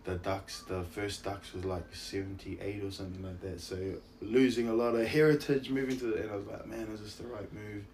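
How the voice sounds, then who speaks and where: Low-voiced man with a broad Kiwi accent. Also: steady tone, a little fast, hardly any pauses, darkish tone, a little hiss or hum. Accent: broad New Zealand. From New Zealand. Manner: laid-back, slangy, self-deprecating. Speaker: interview guest, actor and musician. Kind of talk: casual chat, anecdotes.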